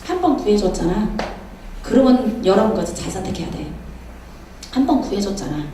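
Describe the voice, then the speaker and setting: A woman preacher giving a sermon in a church, telling a story with lively acted-out dialogue. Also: mid-range voice, moderate pace, a little hiss or hum. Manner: animated storytelling, acting out dialogue. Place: church sanctuary. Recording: echoey church hall from far off.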